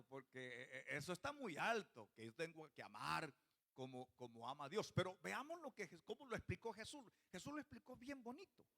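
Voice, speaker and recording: Lively preaching pastor. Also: male voice, high voice. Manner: preaching with questions to the congregation. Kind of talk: sermon. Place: church.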